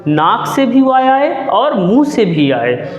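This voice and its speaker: A male teacher giving a grammar lesson, repeating key terms slowly and asking the class questions. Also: very high-pitched, very animated, soft background music. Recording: dull echoey room, lo-fi.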